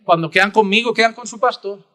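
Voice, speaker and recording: A man preaching a sermon as pastor, earnest, rising to loud emphasis and dropping to hushed prayer. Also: high voice, fast talker.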